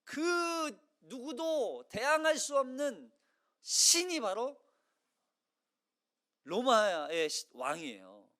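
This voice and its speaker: A male pastor giving a Sunday sermon in a conversational, animated way, acting out the voices of the crowd. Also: very high voice, drawn-out words, pauses often. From South Korea.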